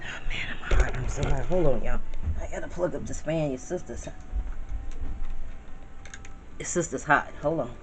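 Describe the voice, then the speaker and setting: With a deep voice at a moderate pace and frequent pauses, a grandmother in her fifties talks casually to the camera at home over background noise. She chats and rambles, speaking directly to those watching.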